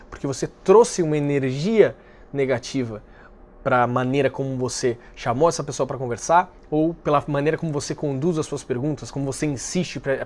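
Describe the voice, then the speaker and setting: A man hosting a dating-advice video, speaking calmly and directly to the viewer, explaining step by step. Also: fairly high pitch. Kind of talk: direct-to-camera advice talk.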